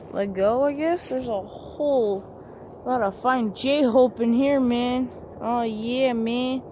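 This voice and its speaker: A man's voice: very high voice, background noise. A man talking through a gender swap voice filter that makes him sound like a woman, rambling hesitantly in a casual vlog from up in a tree in the woods. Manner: hesitant, rambling, many fillers. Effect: gender swap voice filter making him sound like a woman.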